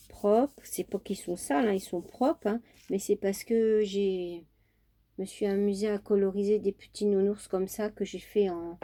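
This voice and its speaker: At her home craft table, a craft vlogger talks casually through a tutorial in a mellow, mid-range voice. She's chatty and homely, her speech full of fillers.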